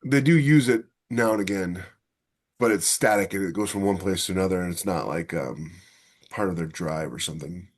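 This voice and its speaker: Here a low-voiced man speaks a little fast while co-hosting a laid-back sci-fi podcast about futuristic technology. He's enthusiastic and performs made-up quotes to illustrate his points.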